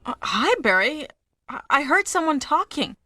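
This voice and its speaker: An actress playing an earnest young heroine in an old video game, with stilted, amateurish bad acting. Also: female voice, high-pitched, sing-song, normal speed, sharp tone, a little hiss or hum, full character voice. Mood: concerned.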